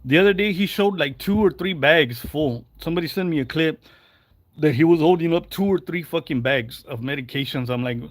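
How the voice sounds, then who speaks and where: A man's voice: on the high side, a little fast, dry recording. Heated, cursing man in his forties. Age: 40s. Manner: profane, heated, mixes in Spanish phrases. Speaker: livestreamer. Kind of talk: angry livestream rant.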